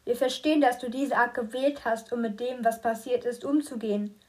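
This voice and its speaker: A woman's voice: on the high side, fairly even intonation, fairly quick, darkish tone, lightly acted. Woman reading as a firm, weary father. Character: weary middle-aged father, firm but sad. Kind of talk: audiobook reading.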